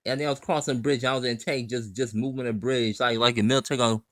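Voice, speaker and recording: A man's voice: medium pitch, steady tone, racing, fairly bright tone, no room sound. A man who cites chapter and verse, reads passages aloud and comments on them in an insistent way. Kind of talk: scripture quoting and commentary.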